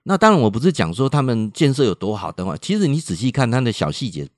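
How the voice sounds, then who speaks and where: Older Taiwanese radio host, animated storytelling, dry studio sound. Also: male voice, mid-range voice, fast talker, no echo. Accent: Taiwanese Mandarin with Hokkien words. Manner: lively storytelling, repeats words, mimics voices.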